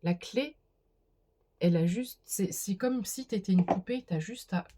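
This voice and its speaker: A woman's voice: medium pitch, a little slow, dark tone. A woman doing a casual spoken card reading, talking straight to the viewer with many fillers and restarts. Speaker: card reader.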